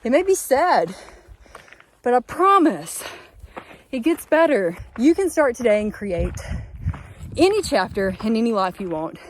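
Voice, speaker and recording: A woman's voice: fairly high pitch, big pitch swings, measured pace, long pauses, slight background noise. A young woman hiker talking to her vlog camera outdoors on a trail, earnest and upbeat, giving a pep talk. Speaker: long-distance hiker vlogging her trip. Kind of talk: casual motivational vlog talk.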